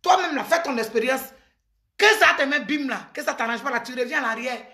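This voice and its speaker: A middle-aged woman with a high, bright, pushed voice speaks fairly quickly in an impassioned advice monologue aimed straight at the listener. As a commentator giving advice, she is emphatic and preachy, full of exclamations and direct address. The room is echoey.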